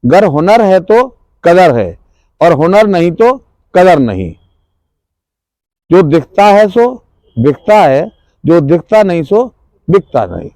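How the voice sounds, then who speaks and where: A man's voice: high-pitched, sing-song, takes it slowly, long pauses, warm tone, dry recording. A man giving a classroom lecture as a trainer, asking the class questions, answering them himself and repeating key words. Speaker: trainer at a rural self-employment institute.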